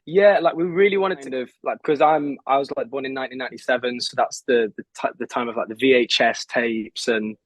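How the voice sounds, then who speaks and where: A man's voice: mid-range voice, steady tone, a little fast, hardly any pauses, no echo, rough recording. Chatty young man, dry close sound. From England. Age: 20s. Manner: chatty, rambling with fillers and restarts. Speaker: songwriter guest. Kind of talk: casual interview chat.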